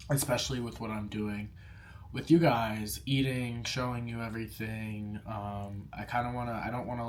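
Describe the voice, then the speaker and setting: A man in his early twenties chatting casually as he eats and answers viewer questions, with many "like" fillers. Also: on the low side. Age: young adult. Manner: chatty, lots of "like" fillers, talks between bites. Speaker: food vlogger. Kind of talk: casual mukbang Q&A while eating.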